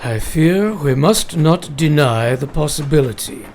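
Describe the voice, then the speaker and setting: A man's voice: fairly high pitch, lively intonation, a little slow, creaky, darkish tone, slight background noise. A man in a radio play acting a grave, courteous older professor who leads vampire hunters, speaking formally in old-fashioned phrases.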